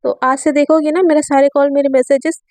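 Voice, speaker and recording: A woman's voice: sits high, flat delivery, a little fast, a little mellow, no room sound, lightly acted. A woman voicing a firm, insistent female teacher who presses her questions in a story.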